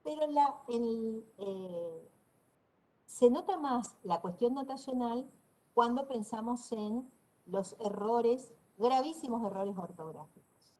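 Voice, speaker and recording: A woman's voice: a little high, a bit bright, poor audio. A woman with a northeastern Argentine accent giving a university class, explaining and demonstrating pronunciations aloud. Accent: northeastern Argentine Spanish. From Corrientes, Argentina. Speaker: university lecturer. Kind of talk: online class lecture.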